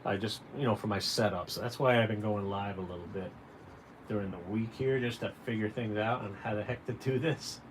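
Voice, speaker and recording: With a lowish, steady voice and a fairly quick pace, this man hosts a drawing livestream as a caricature artist. He talks directly and encouragingly to viewers in a casual, folksy tutorial style. Noisy room ambience comes through clearly.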